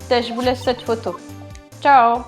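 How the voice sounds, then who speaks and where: A woman reading as a cocky, outspoken photographer woman who speaks her mind and plays up a twang. The voice sits a little high and is caught on a lapel mic, with game music playing under it. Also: flat delivery, unhurried, lightly acted. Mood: brash. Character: brash outspoken female photographer witness.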